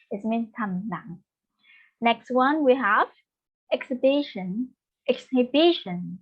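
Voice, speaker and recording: A woman's voice: on the high side, husky, lo-fi sound. A woman with a Vietnamese accent teaching English vocabulary, repeating words and checking in with "ok?".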